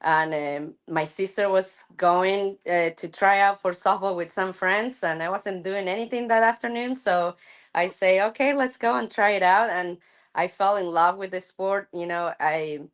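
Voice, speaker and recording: A middle-aged woman from Argentina, a softball coach chatting thoughtfully in an interview, with many fillers and restarts. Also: mid-range voice, unhurried, clear, resonant tone. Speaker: college softball head coach. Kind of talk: casual interview chat.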